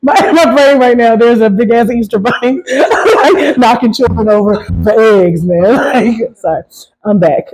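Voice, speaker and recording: A woman's voice: a little high, unhurried, low-quality recording. A woman performing a stand-up comedy set, talking loosely and with lots of swearing, often asking the crowd to agree with her. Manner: loose, profane, keeps asking the crowd "right?".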